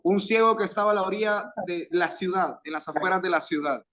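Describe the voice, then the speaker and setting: Man, Venezuelan Spanish accent, sermon, fervent emphatic phrasing, higher voice. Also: a little fast, pushed and bright. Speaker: youth preacher.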